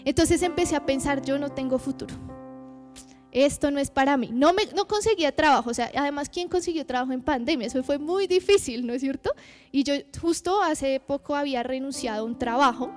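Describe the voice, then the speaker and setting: A woman's voice: high-pitched, fairly quick. A woman in her twenties, a guest youth leader, giving a chatty, self-deprecating testimony sermon in church and tossing rhetorical questions to the congregation. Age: 20s. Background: background music.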